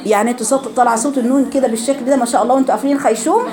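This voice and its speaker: A woman's voice: fairly high pitch, steady tone, very fast, roomy sound, background noise. A woman teaching Quran recitation rules to a class of girls, speaking with an Egyptian Arabic accent and drawing out syllables as she drills pronunciation. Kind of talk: classroom tajweed lesson.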